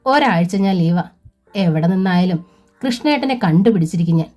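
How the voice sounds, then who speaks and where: A woman's voice: lowish voice, lively intonation, normal speed, a little mellow, faint music behind, close to an everyday voice. A woman voicing a helpful young man who speaks in an earnest, reassuring way in a storybook reading.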